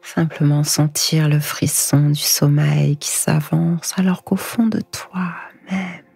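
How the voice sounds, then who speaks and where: A woman leads a sleep hypnosis in a very slow, breathy half-whisper, right in your ear. Her hushed, soothing voice is creaky and carries an echo over music. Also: low-pitched, flat delivery. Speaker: hypnosis guide.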